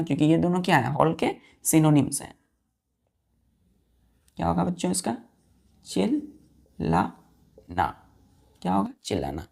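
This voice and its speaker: A woman teacher with a lowish, gravelly voice runs a vocabulary lesson for her students. She spells each word out letter by letter, asks a question and answers it herself. Her delivery is slow and repetitive. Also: darkish tone.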